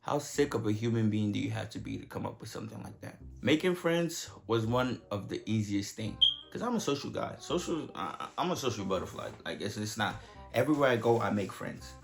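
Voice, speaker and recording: Gravelly young man from Nigeria vlogging. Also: fairly low pitch, brisk, over music. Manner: joking, profane, animated storytelling. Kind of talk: casual storytelling to camera.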